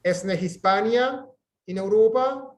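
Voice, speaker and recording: A man's voice: high voice, slow, a little mellow, muffled recording. A man teaching a Latin class online, praising students and asking them questions in turn. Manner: encouraging, switches between Spanish and Latin questions.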